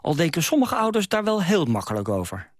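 A man's voice: a little high, huge pitch swings, brisk, no room sound. Male radio presenter, dry close sound.

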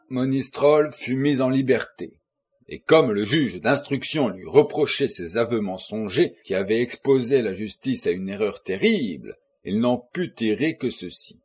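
Husky male audiobook narrator. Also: mid-range voice, darkish tone. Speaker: audiobook reader. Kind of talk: first-person novel narration.

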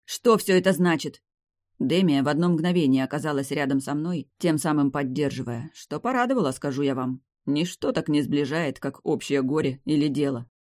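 A man narrating a novel in the first person, with an even storytelling delivery. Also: on the high side, a little fast, few pauses, no echo, studio quality. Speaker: audiobook narrator.

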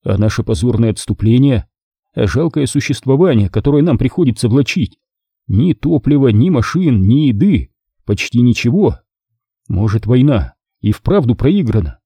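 A man narrating an audiobook, voicing the soldiers' lines himself in a raised pitch. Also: sing-song, normal speed, mellow, husky, no echo.

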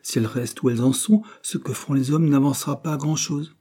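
A man voicing an earnest young working woman who speaks quickly. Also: mid-range voice, warm tone, breathy edge, pitched above the performer's own voice.

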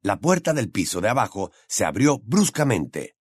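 A male narrator reads a fantasy audiobook with dramatic expression. His pitch moves freely through each sentence. The sound is dry and close. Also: very animated, moderate pace, husky, no room sound.

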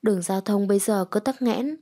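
A terse, domineering young man who gives short orders and guards his partner closely, read by a woman. His voice has a dark, mellow tone at a middle pitch, in the manner of a storybook reading. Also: brisk, natural voice. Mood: curt. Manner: curt, bossy.

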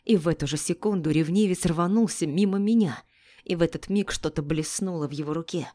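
Woman narrator, first-person story, dramatic reading, low voice. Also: brisk, mellow.

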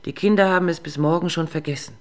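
A woman reading the lines of a tired husband and father, speaking calmly and with measured firmness. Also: on the low side, close to an everyday voice. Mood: weary. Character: weary, patient husband and father, restrained.

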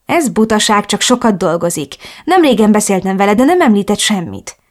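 A woman's voice: mid-range voice, very animated, darkish tone, natural voice. A woman voicing a worried, caring young woman friend. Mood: concerned. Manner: concerned, soothing.

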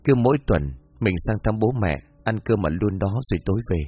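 A man voicing a blunt, irritable young married woman who talks quickly and directly. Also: fairly low pitch, warm tone, slightly rough, no echo, faint music behind. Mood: persuasive.

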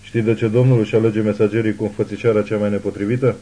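A man voicing a zealous old woman who calls herself a prophet, speaking in a hushed but imperious way. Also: lowish voice, level tone, low-quality recording. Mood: fervent preaching.

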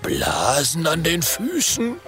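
A man voicing a huge, grumpy, hungry male dragon who talks in a slow, booming grumble. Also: wildly swooping pitch, over music, full character voice. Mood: grumbling.

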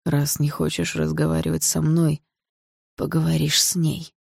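A woman reading an audiobook, voicing a furious, protective teenage boy who threatens in a low, tense voice. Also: flat delivery, normal speed, gravelly, darkish tone, husky, no echo, studio quality, full character voice. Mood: menacing.

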